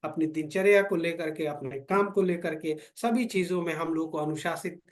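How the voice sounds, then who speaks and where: Male business trainer with a high voice, preachy, rhetorical, addressing a small group. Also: moderate pace. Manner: preachy, asks rhetorical questions, repeats phrases. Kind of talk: motivational training talk. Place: meeting room with fifteen to twenty people.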